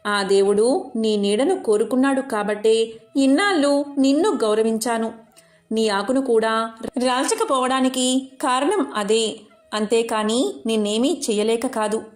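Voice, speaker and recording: A woman's voice: fairly high pitch, a little slow, soft background music, natural voice. A woman voicing an angry, proud male wind god in a devotional story, speaking with threats.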